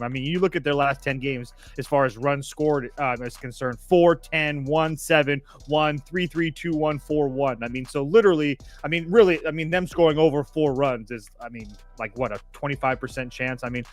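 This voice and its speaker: A man's voice: a little high, a bit bright, no room sound. A man co-hosting a sports betting show, talking casually in a rambling, hedging way full of "I mean" and "um". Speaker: co-host and betting analyst. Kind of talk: casual chat.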